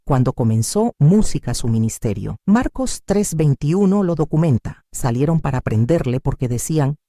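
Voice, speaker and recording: A woman's voice: deep voice, mellow, no echo, studio quality. A woman giving scripted devotional narration, preaching in a dramatic, emphatic way.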